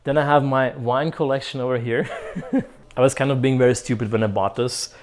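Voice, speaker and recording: A man's voice: mid-range voice, steady tone, a little fast. A young man from Croatia, vlogging a casual tour of his apartment, joking and chuckling often. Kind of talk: casual chat. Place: apartment, indoors.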